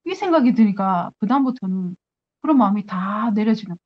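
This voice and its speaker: Earnest nun giving a spiritual talk. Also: female voice, mid-range voice, animated, a little fast, dull audio. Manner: earnest, acts out her own prayers to God.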